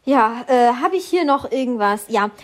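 Young female co-host, casual, animated storyteller, slightly high voice. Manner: animated storytelling, quick bursts, often laughing. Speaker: podcast co-host. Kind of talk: casual chat.

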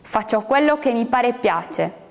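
A woman's voice: on the high side, expressive, measured pace, gravelly. A woman voicing a haughty, commanding rich old male prisoner who speaks with scorn, recorded with a long reverb. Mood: scornful.

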